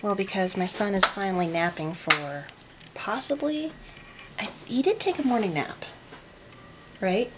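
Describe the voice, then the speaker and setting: A woman and mother chatting casually to her vlog from inside a closet, rambling and correcting herself while keeping it hushed so a napping child stays asleep. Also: mid-range voice, animated, unhurried, long pauses, noisy background. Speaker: vlogger and mother.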